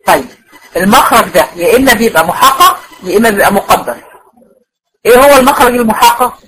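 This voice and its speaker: Speaking quickly with lively intonation, this Quran recitation teacher has a fairly bright voice on the high side. An Egyptian woman with an Egyptian Arabic accent, she walks female students through a tajweed lesson step by step, often making sure they're keeping up. The recording is rough.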